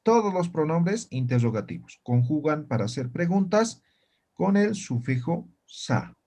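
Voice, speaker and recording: A man teaching an online language class, speaking slowly and patiently and often checking that students follow. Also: a little high, very animated, dark tone. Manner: slow, patient, keeps checking students understand.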